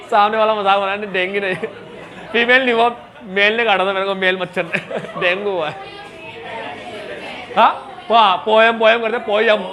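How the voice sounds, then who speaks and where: A man's voice: high voice, sharp tone. A man teaching a class, chatty and joking, mixing Hindi and English terms. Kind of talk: classroom lecture.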